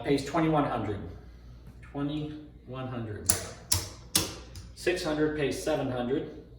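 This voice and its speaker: A man talking like a craps table caller, calling out rolls, bets and payouts and muttering tallies aloud as he repeats numbers. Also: mid-range voice. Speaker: craps player demonstrating a betting strategy. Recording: echoey room, distant mic, faint noise, clicks.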